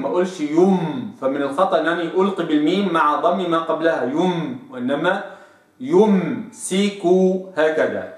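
A man with an Egyptian accent teaching recitation, who explains each point and then drawls out sample sounds slowly in a lower voice. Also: recorded from a distance. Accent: Egyptian Arabic. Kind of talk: tajweed lesson. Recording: echoey room, voice off-mic.

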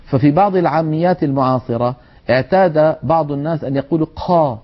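A man's voice: a little high, fast talker. A man teaching Quran recitation, demonstrating letter sounds in an earnest, admonishing manner. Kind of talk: tajweed lesson. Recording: dull lo-fi sound.

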